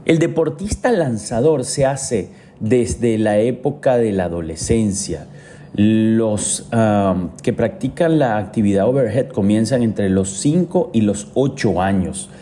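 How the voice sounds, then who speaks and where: A man's voice: fairly low pitch, takes it slowly, warm tone, a little hiss or hum. A man from Venezuela, an orthopedic doctor, giving an explanatory medical talk with frequent hesitation fillers.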